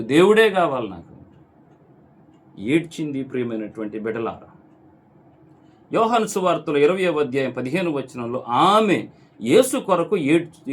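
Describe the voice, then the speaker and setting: A priest giving a sermon, preaching emphatically, calling out to his congregation and asking rhetorical questions. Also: a little high. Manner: tells a parable to make his point.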